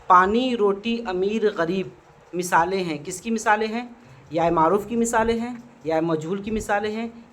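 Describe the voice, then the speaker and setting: A male teacher going through exam multiple-choice grammar questions, asking questions and answering them himself, checking in with the class often. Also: high voice. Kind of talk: exam prep grammar lesson.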